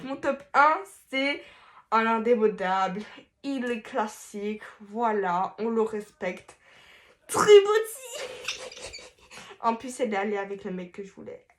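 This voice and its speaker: Through a face mask, a woman vlogger chats casually, her mid-range voice a little slow. She rambles and hesitates with lots of fillers and restarts, dropping playful, self-deprecating asides.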